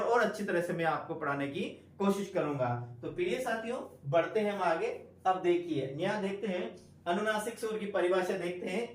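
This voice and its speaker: High-voiced and picked up from a distance, this man sounds off-mic in a reverberant room. Leading an online exam-prep class on Hindi grammar, he addresses students as friends, poses questions to them, and hammers home key terms with slow, deliberate repetition.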